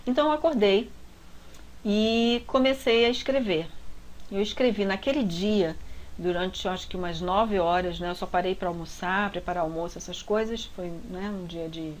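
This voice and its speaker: A woman's voice: mid-range voice, moderate pace, slight background noise, poor audio. A woman with a Brazilian Portuguese accent, a relationship coach telling a personal story in a heartfelt, confiding way. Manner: heartfelt, confiding, frequent tag questions.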